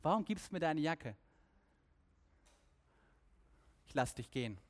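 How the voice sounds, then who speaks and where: A man voicing a threatening male rebel leader who speaks in a lowered, demanding voice. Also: big pitch swings, quick pace. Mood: bewildered.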